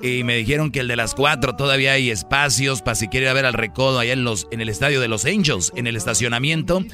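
Bright-voiced male radio co-host. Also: mid-range voice, fast, soft background music. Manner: friendly, calls his partner brother. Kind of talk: casual radio banter and announcements.

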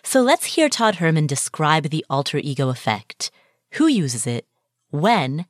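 A woman from Nepal hosting a podcast, introducing a guest and chatting in a lively, clear storytelling manner. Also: low-pitched, a little slow, no echo, studio quality. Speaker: podcast host. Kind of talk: podcast interview.

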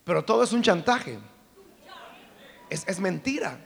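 A male preacher delivers an emphatic sermon, dropping to hushed tones and then rising to shouts. His voice sits very high and sounds gravelly and husky, with a lively, leaping melody. The sound carries a long reverb from a large hall. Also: a little slow. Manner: emphatic, dramatic, acts out quotes, swings between shouting and hushed.

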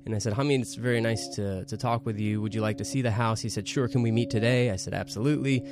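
A man co-hosting a podcast, casually retelling a story in a relaxed, chatty way. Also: on the low side, fast, music in the background. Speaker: podcast co-host.

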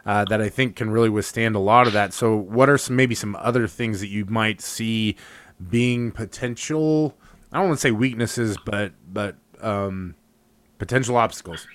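A man's voice: lowish voice, moderate pace, a bit bright, no room sound. Dry-sounding man on a sports podcast. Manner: jokey, asks long winding questions. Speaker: podcast co-host. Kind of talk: casual sports podcast chat.

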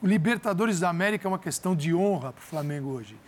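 A man's voice: high voice, expressive, quick pace. A man talking football as a pundit in a studio debate, emphatic and full of rhetorical questions. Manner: emphatic, explains tactics with repeated questions.

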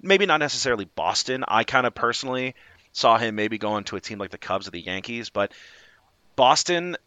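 A man's voice: mid-range voice, expressive, brisk, sharp tone, no room sound. A man chatting wryly on a sports podcast, laid-back with small laughs between thoughts. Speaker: podcast co-host. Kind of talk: casual sports podcast chat.

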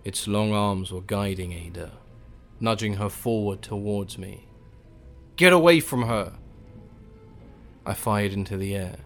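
A man narrating a first-person horror story in a grim, hushed storytelling manner. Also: lowish voice, little pitch movement, normal speed, gravelly. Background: music.

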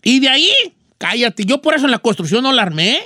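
A man performing a joking old rancher with a Mexican accent, his voice pitched up high and squeezed, a radio host rambling through a story in country slang. The sound is dry and close, with no room around it. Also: very animated, fairly quick, pushed and bright, no echo, full character voice. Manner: rambling, folksy, full of rural slang. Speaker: radio host giving advice. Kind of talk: storytelling and advice on a call-in show.

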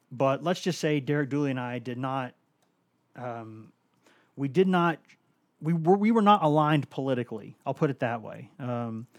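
A man, a sports reporter and co-host, telling anecdotes in casual chat, animated and quick to slip into impressions. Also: mid-range voice, no echo. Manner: animated storyteller, fond of impressions.

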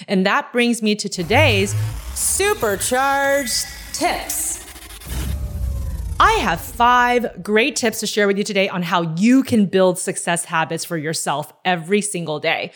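Encouraging female podcast host, mid-pitched, eager delivery. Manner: warm, enthusiastic, encouraging. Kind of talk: interview hosting and advice segment.

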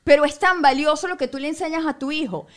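Venezuelan woman, quick and a bit high-voiced, laughing storyteller on a podcast. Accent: Venezuelan Spanish. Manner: animated storyteller, laughs often. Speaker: guest. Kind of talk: casual podcast conversation.

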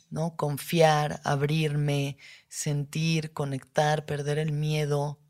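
Low-voiced Mexican woman, candid and reflective. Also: darkish tone. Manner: candid, casual, with frequent slang and swearing. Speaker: podcast host. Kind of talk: personal reflective monologue.

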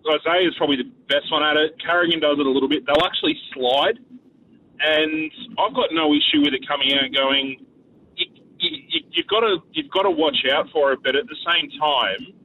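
An Australian man phoning a sports talkback show, speaking casually in a halting, laconic way. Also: a little high, far from the mic. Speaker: radio talkback caller. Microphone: phone. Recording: tinny, noisy phone line.

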